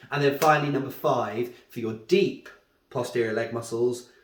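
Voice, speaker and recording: A man with a head cold teaches an anatomy lesson at a drawing board, frequently checking in with a questioning "yeah?". His medium-pitched voice has a darkish tone, and the room is echoey.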